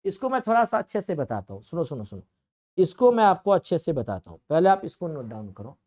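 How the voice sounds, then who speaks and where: A man's voice: fairly high pitch, big pitch swings, brisk, darkish tone. A male coaching teacher gives a math lecture in a classroom. He talks in a repetitive, coaxing way. He keeps asking the class questions and then answers them himself.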